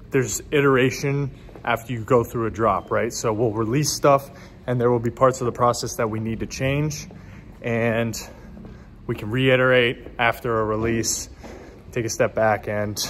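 A small business owner in his twenties vlogs casually from an empty warehouse and office, holding his phone camera at arm's length. His mid-range voice is fairly even and unhurried as he thinks aloud with fillers and restarts, over slight background noise.

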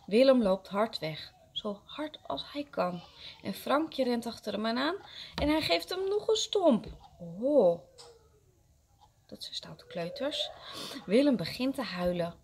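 A kindergarten teacher, a woman, reading a story aloud to young children with expressive, gentle storytelling. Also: on the high side, unhurried, a little hiss or hum.

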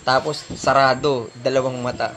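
A man's voice: mid-range voice, flat delivery, moderate pace, a bit bright, a little hiss or hum. A man, a delivery rider, telling viewers in a casual, emphatic way what happened to him. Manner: emphatic storytelling, addressing viewers as sir and bro. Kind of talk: casual first-person account.

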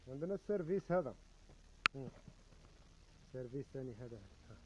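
In a noisy shop, a seller with an Algerian Arabic accent chats casually while showing off coffee sets and cups, repeating each item and its price. His mid-range voice is animated and a little quick, and the recording's highs are cut off.

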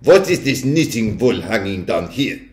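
A man acts out a menacing storybook witch, the grand villain of the tale. She is imperious and sinister, drawing out some words and snapping others, with big swoops in pitch. The sound is roomy. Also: very animated, a little mellow. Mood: snapping impatience. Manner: snapping, drawn-out sinister delivery.

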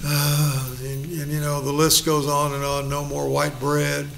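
A man's voice: fairly high pitch, completely flat delivery, unhurried, gravelly, fairly bright tone, slight background noise. Joking folksy preacher man. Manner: folksy and joking, with acted quotes. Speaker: pastor. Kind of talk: bible study teaching.

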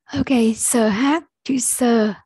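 A young woman with a Vietnamese accent teaching an online English lesson, slow and patient, repeating each sound for her pupils. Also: fairly high pitch, steady tone, dark tone, slightly rough, dry recording.

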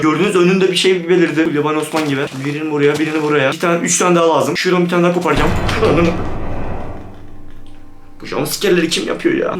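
A man giving jumpy, swearing commentary on a horror game to his viewers. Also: on the high side. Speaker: gaming YouTuber. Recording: roomy room with background music.

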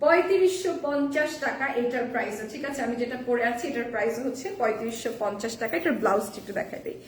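A hoarse woman hosting a live stream to sell sarees, chatting with viewers and mixing English into her talk. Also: on the high side, quick pace, echoey room, recorded from a distance, low-quality recording. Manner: chatty, reads viewer comments, mixes in English. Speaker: live-sale host.

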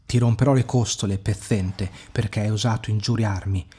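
A husky-voiced man voicing an arrogant, cruel young male suitor who shouts threats. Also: lowish voice, fairly even intonation, fairly quick. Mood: furious.

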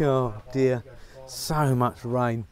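In a steady, mid-range voice, a little mellow, a middle-aged man talks very slowly. Out on his rural farm on a rainy day, he narrates a casual vlog to camera as he works, upbeat and chatty with plenty of fillers, wearing a lapel mic.

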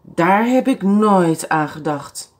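A woman voicing an emotional old lady who loves her thornbush, speaking in a high, exclaiming voice in a storybook reading. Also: animated, slow. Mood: pleading.

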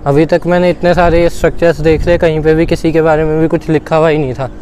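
A young Indian man in his twenties vlogs his travels at an open-air fort ruin, chatting informally as he walks and calling viewers "brother." He speaks quickly in a fairly high, level, slightly mellow voice. Audio comes through a clip-on lapel mic, clear over outdoor background noise.

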